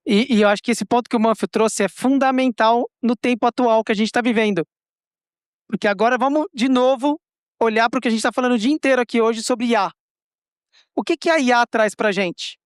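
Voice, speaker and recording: A woman's voice: a little high, fairly quick, no echo, studio quality. A Brazilian woman on a conference panel, explaining points with playful examples. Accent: Brazilian Portuguese. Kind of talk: panel discussion. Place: conference stage.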